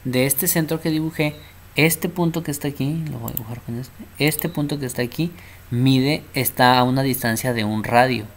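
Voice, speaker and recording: Casual male math teacher. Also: medium pitch. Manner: casual, checks in with the class, repeats words. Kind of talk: informal math lesson at a board.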